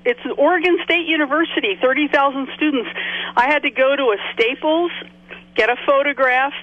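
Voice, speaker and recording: An older woman calling in over a landline phone, chatting casually and rambling through anecdotes. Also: high voice. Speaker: caller. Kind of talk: casual call-in chat. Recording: dull lo-fi phone line.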